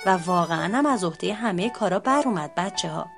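A woman reading a children's storybook aloud as narrator, in an expressive, lively way. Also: lowish voice, creaky, music in the background. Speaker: translator and storybook reader.

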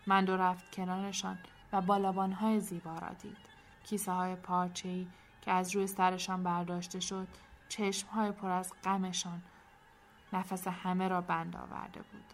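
A woman narrating a storybook in an expressive, clear storytelling manner. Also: lowish voice, faint music behind.

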